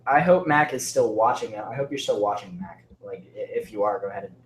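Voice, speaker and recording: A man's voice: lowish voice, fairly quick, echoey room, a little hiss or hum, rough recording. A man hosting a livestream, talking casually with lots of fillers as he steers the show. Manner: chatty, filler-heavy host talk. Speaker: livestream host.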